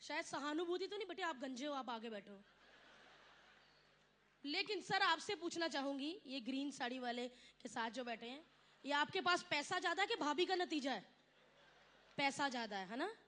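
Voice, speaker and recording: High, bright-voiced woman doing stand-up. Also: lively intonation, normal speed. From India. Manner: chatty, teasing the audience, acts out her mother and others. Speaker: stand-up comedian. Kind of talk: live stand-up comedy.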